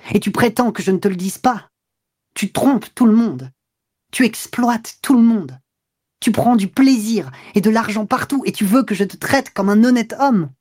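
Scorned woman in a classic novel audiobook, high, husky and accusing; male narrator doubling. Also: a little mellow, no echo, studio quality. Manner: accusing, bitter, rising to screams. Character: furious jilted woman, mistress, shrill in rage. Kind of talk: audiobook reading.

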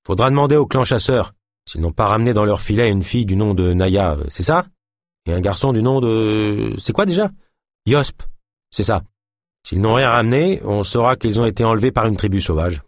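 A man playing a gruff, suspicious male guard who grumbles and speaks bluntly, read in an audiobook. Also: on the low side, animated, normal speed, dry recording, clean studio sound. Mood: gruff, wary.

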